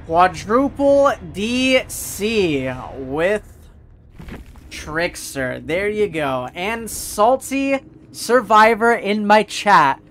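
A man's voice: sits high, lively intonation, very slow, fairly bright tone. A man streaming a video game with casual, sarcastic live commentary. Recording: clear background game noise. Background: video game ambience.

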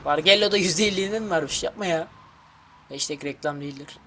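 A man giving let's play commentary as a gaming YouTuber, excitable and grumbling, cursing at the game. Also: on the high side, fairly quick, a little hiss or hum.

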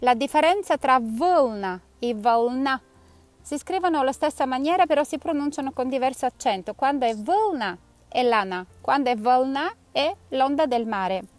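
A woman's voice: high-pitched, animated, moderate pace, dry recording, faint music behind. A woman from Bulgaria with a Bulgarian accent, teaching pronunciation in a casual outdoor vlog and drilling words for learners to repeat. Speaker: language teacher. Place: outdoors on an old road, windy.

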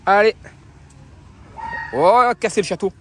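A man's voice: high-pitched, takes it slowly, a little hiss or hum. A French father outdoors on a beach, filming with a handheld camera and calling out to his daughter in repeated, laughing encouragement. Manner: repetitive coaxing calls to a child, often laughing. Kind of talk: family vlog narration. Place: sandy beach by the sea, outdoors.

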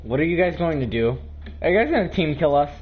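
Excitable high-voiced young gamer guy. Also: quick pace, a little hiss or hum. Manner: excitable, laughs often, exasperated shouting. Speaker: gaming channel host. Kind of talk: casual gaming chat with friends. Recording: dull lo-fi voice chat.

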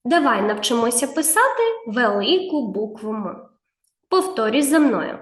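A woman's voice: a little high, very animated, normal speed, reverberant. A woman teaching a video reading lesson to young children, drawing out sounds and giving patient step-by-step instructions with encouragement. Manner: encouraging, talks straight to the child.

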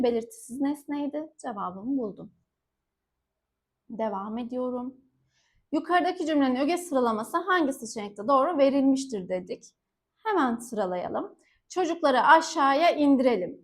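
High-voiced woman teacher drilling questions. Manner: asks herself questions and answers them in quick call-and-response; warns students directly, stressing key words. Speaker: Turkish teacher. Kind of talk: exam-prep lesson, solving questions.

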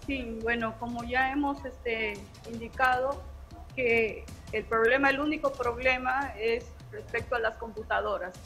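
Earnest woman principal, bright and high. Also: fairly even intonation, unhurried, faint music behind. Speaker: school principal. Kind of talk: interview answers. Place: outdoors on a street. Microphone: reporter's handheld microphone.

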